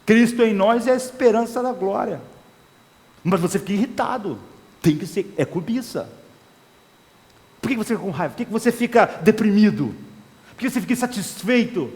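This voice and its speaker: A man's voice: high-pitched, expressive, normal speed, pauses often, darkish tone. A man preaching an impassioned sermon, acting out the inner voices of desire. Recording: long hall reverb.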